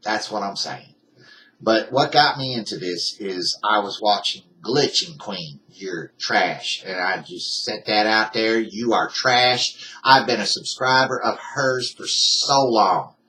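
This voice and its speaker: A man's voice: on the low side, a little slow, sharp tone, a little hiss or hum, low-quality recording. A man ranting to his camera in a heated, indignant, folksy way. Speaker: YouTuber. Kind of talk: ranting vlog.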